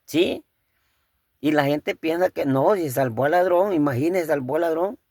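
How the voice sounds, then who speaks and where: A man preaches with a gravelly, creaky voice, talking to his listeners as brothers and posing one rhetorical question after another. He often halts and repeats words as he thinks aloud. The sound is dry and close, with no room echo. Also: fairly high pitch, normal speed, a little mellow. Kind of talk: sermon.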